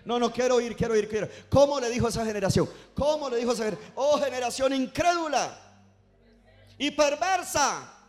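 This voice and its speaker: A man's voice: extremely high pitch, very fast, few pauses, a little mellow. A male pastor preaching a sermon, leading the congregation to repeat after him and stretching key words for emphasis. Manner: preaching with call-and-response to the congregation.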